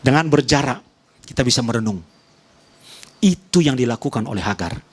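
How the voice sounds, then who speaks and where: A male pastor from Nias, Indonesia, delivers an emphatic sermon in an animated, husky voice at a moderate pace. He moves back and forth between loud calls and soft, low asides, repeating brief phrases as he speaks straight to his congregation.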